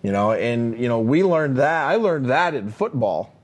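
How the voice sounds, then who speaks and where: Energetic and emphatic, a male co-host chats casually on a leadership podcast, coaching as he goes with many fillers and repeated "right?" check-ins. He speaks in a mid-range voice at a moderate pace.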